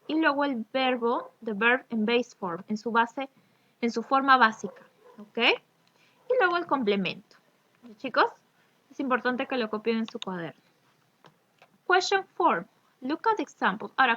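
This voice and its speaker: Patient teacher, slow careful examples. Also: female voice, on the high side, a bit bright, no room sound. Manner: reads English examples slowly and carefully, then explains in Spanish; checks often with "¿ok?" and "¿ya?". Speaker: English teacher; addresses students as chicos. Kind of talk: recorded remote lesson explaining grammar. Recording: dry, slightly dull recording.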